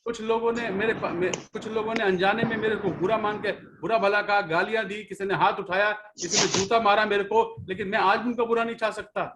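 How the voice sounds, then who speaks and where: A man in his fifties delivers a motivational talk to a room of listeners in a notably high voice. He hammers his points home by repeating phrases again and again. He lectures his team directly, in a preachy and scolding tone. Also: fairly even intonation, a little fast, hardly any pauses, background noise. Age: 50s. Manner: emphatic, repeats key phrases over and over. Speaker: network marketing team leader.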